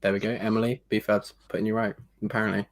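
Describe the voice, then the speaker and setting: A man's voice: fairly low pitch, flat delivery, fast talker, dry recording. A young man hosting a stream, reading chat in an easygoing way. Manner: easygoing, reads chat, hesitant fillers. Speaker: stream host.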